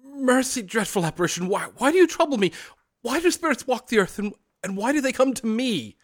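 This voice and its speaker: Man playing a quivering old miser, stutters, hurried, high voice, storybook reading. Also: lively intonation. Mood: frightened. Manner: stammering, quick, high-pitched. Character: frightened old miser, stammering and timid.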